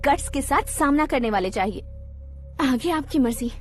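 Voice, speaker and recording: A woman's voice: high voice, animated, moderate pace, darkish tone, soft background music. An actress dubbing a demanding young woman who makes cutting, scornful remarks. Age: young adult. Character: sharp-tongued young woman, a politician's demanding daughter. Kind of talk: Hindi film dub. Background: film score.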